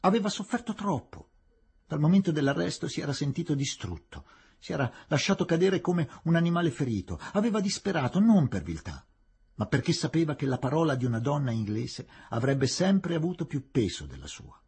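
A man reading a novel aloud in a theatrical, expressive way with a husky voice. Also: a little high, a little fast. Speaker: audiobook reader. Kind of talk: dramatic literary reading.

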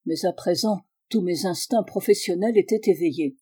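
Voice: medium pitch, moderate pace, dark tone, slightly rough. Une voix adulte qui lit un roman policier classique à voix haute, d'un ton posé et régulier. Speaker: audiobook reader. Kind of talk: scripted narration.

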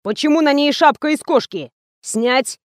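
An explosive, bossy male film director yells orders and insults at his crew, as a woman narrator puts him on. He talks loud and punchy, in a dry, close reading. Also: high-pitched, expressive, normal speed, dry recording, pitched above the performer's own voice. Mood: bossy shouting.

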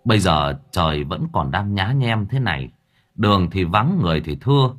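A man voicing a hot-tempered male motorbike-taxi driver who talks loud, brash and crude. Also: deep voice, lively intonation, moderate pace, faint music behind. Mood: blustering angry.

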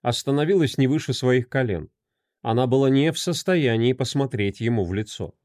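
A man narrating a crime novel as an audiobook, with expressive storytelling. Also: medium pitch, normal speed, dry recording, clean studio sound.

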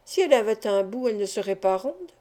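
A woman's voice: medium pitch, expressive, fast, warm tone, close to an everyday voice. A woman voicing a clever small male street acrobat who speaks in a teasing, sententious way.

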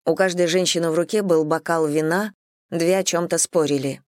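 An audiobook narrator reading a thriller novel in an even, steady storytelling manner. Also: mid-range voice, moderate pace, no room sound, clean studio sound.

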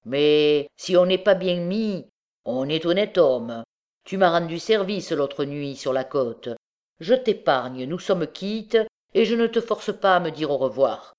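A woman's voice: sits low, animated, a little slow, a little mellow. A woman reading an audiobook, voicing a sly, mocking old male beggar turned bandit.

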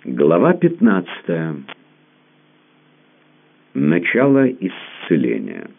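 Очень низкий скрипучий мужской голос. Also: male voice, low-pitched, slow, gravelly, breathy edge. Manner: dramatic, expressive. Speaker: audiobook narrator. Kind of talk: literary audiobook reading. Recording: narrow phone-like band.

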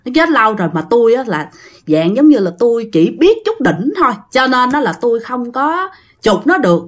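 A woman playing an older village man who coaxes a ghost, in a soothing, pleading, lowered voice. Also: very animated, moderate pace. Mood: coaxing. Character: calm older male village spirit-chaser.

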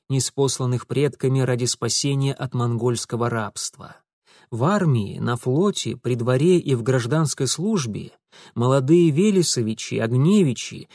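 A man narrating a fantasy novel in an expressive, storytelling manner. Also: mid-range voice, dry recording, studio quality. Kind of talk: audiobook narration.

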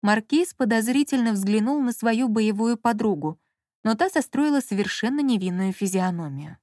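Woman, audiobook narration, even storytelling, dry close sound. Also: fairly high pitch, moderate pace, dry recording.

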